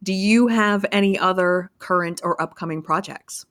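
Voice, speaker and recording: A woman's voice: fairly low pitch, moderate pace, a bit bright. A woman hosting an interview, encouraging and playful toward her guest. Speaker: interview host.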